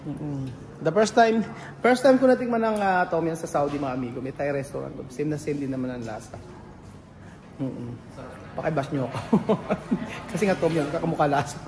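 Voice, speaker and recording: A man's voice: fairly high pitch, moderate pace, darkish tone, big-room sound. A man from the Philippines chatting casually in a food vlog, switching between languages and laughing as he tastes dishes at a restaurant. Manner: mixes Tagalog and English, laughs a lot while tasting. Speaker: food vlogger. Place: restaurant at a shared meal.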